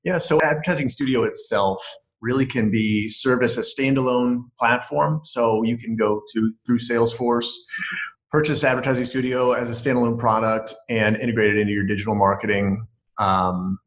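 A man co-hosting a podcast, explaining in quick bursts broken up by hesitations. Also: medium pitch, steady tone, rough recording. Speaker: podcast co-host. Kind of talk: casual chat then explanation.

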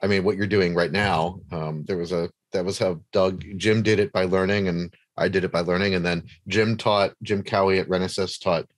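Low-voiced rambling man hosting. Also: steady tone, moderate pace, hardly any pauses, no room sound. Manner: rambling, many fillers and restarts. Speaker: podcast host interviewing a guest. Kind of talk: casual conversational interview.

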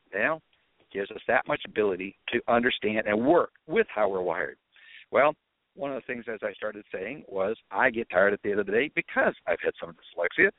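A middle-aged man hosts a podcast, telling stories in a casual, rambling monologue. His voice sits in the mid range, and the audio is dry and tinny, like a phone, with no room sound.

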